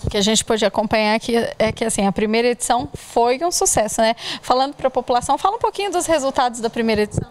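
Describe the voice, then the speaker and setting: A woman's voice: on the high side, expressive, racing, hardly any pauses. A young woman reporting for local TV news, upbeat and friendly, often adding tag questions, speaking into a handheld mic.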